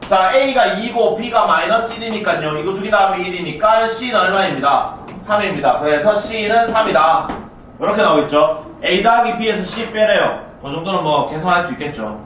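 A man's voice: high-pitched, a bit bright, a little hiss or hum. A male math teacher lecturing a class, constantly checking with students whether they follow. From South Korea. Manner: asks students frequent check questions, brisk and chatty. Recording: roomy classroom, mic far off.

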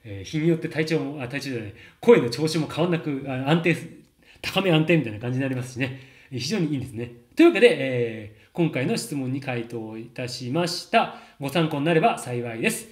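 A man's voice: mid-range voice, animated, fast. A man in his thirties, a voice coach explaining in a casual, chatty lesson with many fillers and laughs. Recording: roomy echo.

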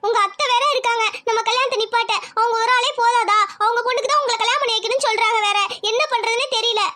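Woman voicing squeaky timid village girl Tamil. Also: fairly even intonation, fast talker. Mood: anxious. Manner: anxious, hushed and pleading. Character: timid young village woman in love, fearful. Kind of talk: cartoon voice acting.

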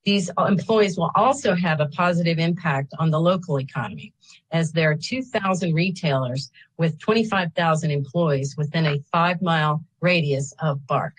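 A woman reads a prepared statement of support into her webcam at a public hearing. Her voice sits low and a little husky. She goes steadily through figures, pausing to correct small slips. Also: low-quality recording. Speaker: state agency representative giving public testimony. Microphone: computer webcam on a video call.

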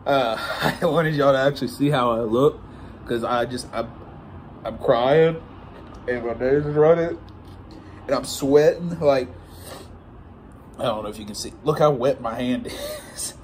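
A man in his twenties chats casually to his camera. His voice sits at a middle pitch, and he is recorded in a bedroom with some background noise. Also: a little slow, pauses often. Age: 20s. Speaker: vlogger. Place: small hotel-like bedroom, indoors. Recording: faintly noisy room recording.

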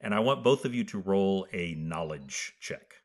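A man narrating a tabletop game as game master, improvising in halting, deliberate phrases. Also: sits low, animated.

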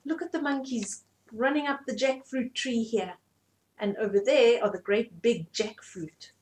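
Speaking at an even, measured pace, this middle-aged storytime host has a slightly high, somewhat mellow voice. She reads a bedtime story aloud to small children in a small furnished room, explaining it expressively as she goes.

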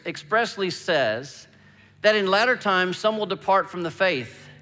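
The long reverb of a large hall surrounds this man's slightly high, bright and forceful voice. A pastor in his fifties, he delivers a sermon from a big church stage, mostly through a headset mic, punctuating it with emphatic cries of "come on" and "amen."

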